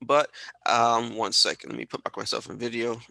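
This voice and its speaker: Mężczyzna prowadzący webinar przez połączenie wideo, mówi z kaznodziejskim zapałem i powtarza hasła dla podkreślenia. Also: male voice, medium pitch, little pitch movement, moderate pace, gravelly, sharp tone, dry recording, low-quality recording. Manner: preachy, rallying, repeats for emphasis. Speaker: host. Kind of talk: motivational webinar hosting. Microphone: video call.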